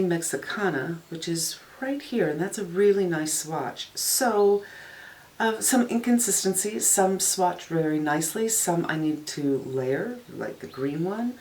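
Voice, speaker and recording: An older woman with a low-pitched voice talks through a makeup tutorial in a relaxed, conversational way. She judges each product plainly and matter-of-factly. A faint hiss sits under the recording. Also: rough recording. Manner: frank, matter-of-fact product critique. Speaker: beauty vlogger. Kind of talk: casual makeup tutorial narration.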